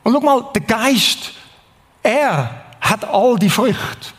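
A man with a high voice and a Swiss German accent delivers a sermon. He talks in a relaxed, conversational way and keeps asking his listeners questions. His voice carries a long reverb from a large hall. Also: slow pace. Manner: conversational, asks the audience questions. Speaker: preacher.

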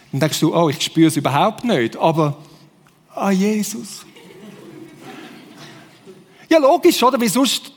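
A man's voice: high-pitched, in a large hall. A man with a Swiss German accent preaching a sermon, who acts out fake enthusiasm in playful voices. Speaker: pastor.

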